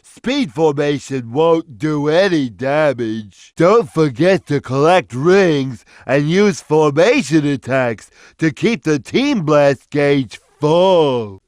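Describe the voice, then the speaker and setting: A man voicing a big, slow-witted, gentle, good-natured cartoon cat in a video game, speaking in a simple, earnest, drawn-out way. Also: fairly high pitch, no echo, clean studio sound. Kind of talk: video game character voice lines.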